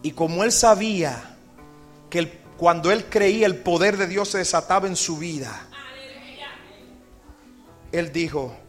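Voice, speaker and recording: Soft music sits behind a man whose voice runs high, speaking at a measured pace and pausing often. He is a pastor giving an evangelistic sermon to his congregation, narrating with drama and asking them questions.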